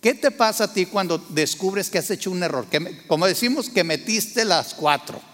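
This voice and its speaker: High-voiced pastor in a reverberant hall. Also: male voice, animated, normal speed, fairly bright tone. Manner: asks the congregation questions, acts out quotes. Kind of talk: sermon.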